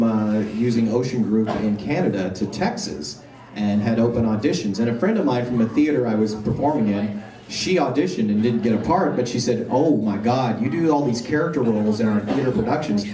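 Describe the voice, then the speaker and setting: Man telling stories at a convention panel. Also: mid-range voice. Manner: animated anecdotal storytelling, acts out quoted voices. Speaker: convention panel guest voice actor. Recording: roomy hall, recorded from far off.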